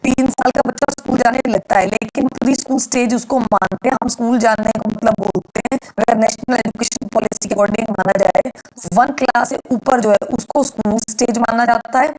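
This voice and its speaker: A woman's voice: fairly high pitch, fairly even intonation, moderate pace, hardly any pauses, a little mellow, a little hiss or hum, poor audio. Woman teacher explaining step by step. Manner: explains step by step, asks and answers her own questions. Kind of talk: exam-prep lecture.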